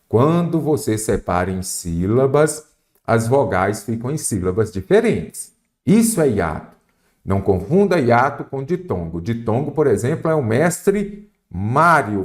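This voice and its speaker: A man speaking with a Brazilian accent teaches a Portuguese grammar lesson for exam prep. He is energetic and keeps asking questions and answering them himself. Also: mid-range voice. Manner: energetic, asks and answers his own questions.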